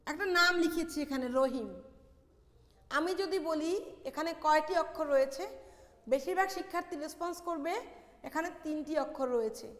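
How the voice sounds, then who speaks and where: A woman's voice: high voice, moderate pace, long pauses. A woman from Bangladesh teaching a college lesson on pronunciation, explaining step by step and answering her own questions. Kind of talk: classroom lecture on pronunciation. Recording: echoey hall with long reverb.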